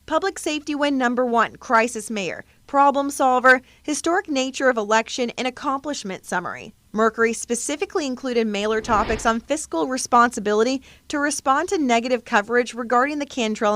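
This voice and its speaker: A woman's voice: fairly high pitch, fairly bright tone, no room sound. An American woman reporter narrating a scripted investigative news exposé for television.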